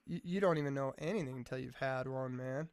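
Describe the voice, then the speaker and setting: Casual podcast guest, male, gravelly mid-pitched voice, relaxed and foul-mouthed. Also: a little fast, crowd noise. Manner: laid-back, profane storyteller who says "man" a lot. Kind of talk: casual chat.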